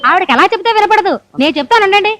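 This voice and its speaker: A chatty relative of the bride in a film comedy. Her very high voice races along and swoops up and down as she gushes. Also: lively intonation, very fast, a bit bright, faint music behind. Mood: gushing. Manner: gushing storyteller. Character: chatty female relative of the bride, eager matchmaker.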